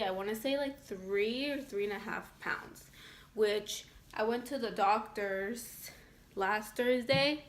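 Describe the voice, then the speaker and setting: A woman giving a casual vlog update, rambling and filling her talk with "like" constantly. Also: medium pitch. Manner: rambling, fills speech with "like". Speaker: vlogger.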